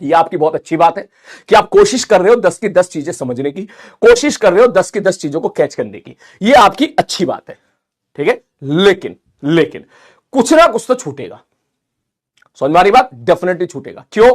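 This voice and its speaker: Fast-talking Indian physics teacher, high voice. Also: male voice. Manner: fast, energetic, chatty and encouraging. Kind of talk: live online class, reading student messages.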